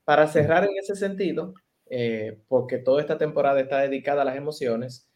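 A man co-hosting a podcast, asking questions with many pauses and restarts. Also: on the high side, a little mellow. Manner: hesitant, many fillers and restarts. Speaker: podcast co-host. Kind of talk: casual interview talk.

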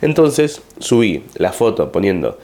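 Argentine male comic, lowish voice, chatty and rambling, casual story to camera. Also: a little slow. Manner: rambling, animated retelling with frequent fillers. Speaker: comedian.

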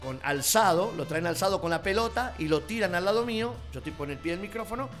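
A middle-aged man with an Argentine accent tells a circus story on a radio show. He talks fast, in a high, bright voice. He acts out the people he quotes as he goes. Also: expressive, faint music behind. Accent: Argentine Spanish. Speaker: circus owner guest.

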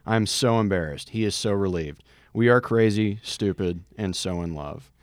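A man co-hosting a podcast, reading a listener's story aloud with a wry tone and dramatic pauses before each section title. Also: on the low side, dry recording, clean studio sound. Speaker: podcast co-host.

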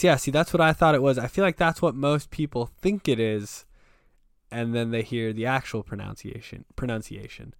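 A man's voice: mid-range voice, gravelly, no echo. Laid-back young man hosting, dry sound. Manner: joking, swears freely, laughs often. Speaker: podcast host. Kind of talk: casual interview chat.

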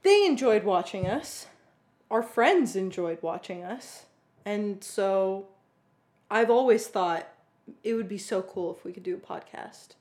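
A woman's voice: mid-range voice, expressive, a little slow, a little mellow. A young adult woman co-hosting a casual podcast, talking in a playful, giggly way. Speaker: podcast co-host. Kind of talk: casual chat.

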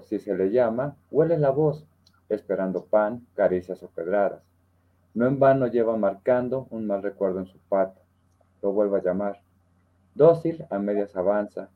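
Man reciting poetry over a dull video call; low-pitched, thoughtful. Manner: reflective, uses many fillers and tag questions. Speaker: participant reading a poem. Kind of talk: casual literary discussion and poem recital.

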